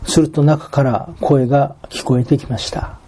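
A pastor preaching a sermon, reading scripture and retelling a story in a measured, calm manner. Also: male voice, mid-range voice, slightly rough.

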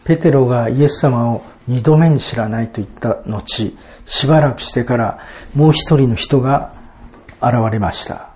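A male pastor delivering a sermon in a steady, explanatory manner. He reads scripture passages aloud and then unpacks them. His voice has a soft, mellow warmth at an ordinary pitch. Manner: measured expository preaching, reading out Bible verses.

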